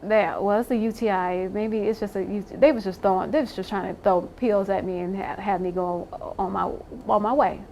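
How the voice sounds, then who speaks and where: A woman's voice: medium pitch, steady tone, brisk, hardly any pauses, warm tone, a little hiss or hum. Blunt, emphatic woman telling her story. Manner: blunt and emphatic, swears, laughs wryly. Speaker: interviewee. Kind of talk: candid personal account.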